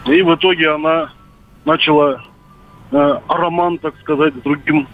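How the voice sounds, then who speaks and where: A man in his fifties calling into a radio show over a landline phone, telling his story haltingly with many pauses and filler sounds. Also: fairly high pitch, steady tone, no echo, soft background music. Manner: hesitant, filled with "uh" pauses and hedging phrases. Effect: heard over a landline phone. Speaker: caller. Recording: tinny phone line, faint noise.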